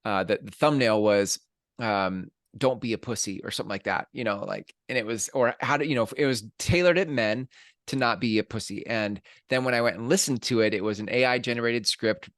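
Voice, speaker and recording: Male podcast co-host, mid-pitched, reflective, dry sound. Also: fairly quick, a bit bright, no room sound. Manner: reflective, talks through his thoughts with restarts. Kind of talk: casual conversation.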